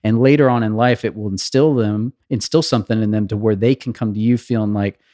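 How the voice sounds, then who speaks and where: A man in his thirties talking earnestly on a podcast, thinking out loud and often restarting sentences. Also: fairly low pitch, steady tone, brisk, dry recording, clean studio sound. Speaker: podcast co-host. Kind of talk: casual podcast conversation.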